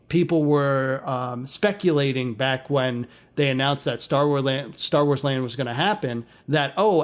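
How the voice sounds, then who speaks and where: A man co-hosting a casual chat, talking in a rambling, chatty way with frequent laughs. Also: fairly high pitch. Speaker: podcast co-host.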